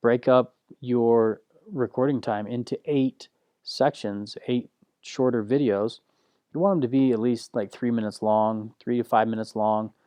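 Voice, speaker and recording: Male course instructor: slow, flat-affect, not salesy, restarts a lot; dry close-mic read. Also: no room sound. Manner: slow, low-key, unanimated delivery; frequent restarts and filler words. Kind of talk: recorded course lesson.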